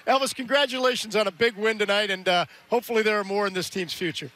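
A man's voice: high-pitched, steady tone, quick pace, pushed and bright. A middle-aged man on a headset, interviewing a player live after a game with upbeat, direct questions. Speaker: broadcast interviewer.

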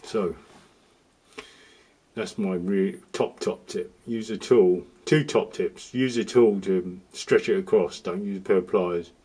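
A man's voice: deep voice, slow, dark tone, breathy edge. A man giving a rambling, casual walkthrough of a boiler repair, often restarting his sentences and adding jokey asides. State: cold. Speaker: DIY video host.

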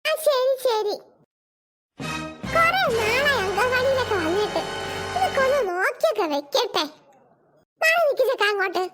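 Cartoon granny, old woman, nags and scolds, squeaky high voice, put on by a woman. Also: expressive, normal speed, pauses often, music in the background. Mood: bossy. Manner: nagging, sing-song scolding. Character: fussy scolding old grandmother, always hungry.

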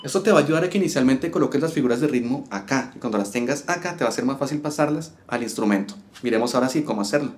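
A man's voice: medium pitch, expressive, very fast, few pauses. A man teaching a step-by-step guitar lesson, explaining rhythm and counting syllables aloud. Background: guitar playing.

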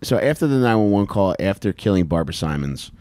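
This comedic true-crime podcast co-host, a man in his thirties, talks fast in a warm, deep voice with big pitch swings. He chats casually and bluntly, cursing freely, into a close handheld mic on the couches of a small indoor room, with no room sound.

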